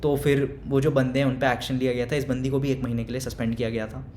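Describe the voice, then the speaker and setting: A young man casually telling a storytime, animated and acting out his friends' lines, then dropping to low mutters. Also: fast talker. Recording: echoey room with faint rumble.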